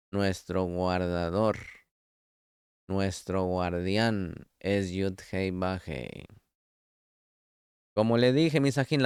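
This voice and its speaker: A man with a low, very clear and smooth voice gives a sermon-style scripture lesson. He speaks slowly and deliberately, reads out verses, and turns to the listener as his beloved. The sound is dry and close, with no room echo. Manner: slow, deliberate teaching with scripture quotes; addresses listener directly as beloved. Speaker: preacher. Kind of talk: Torah study sermon.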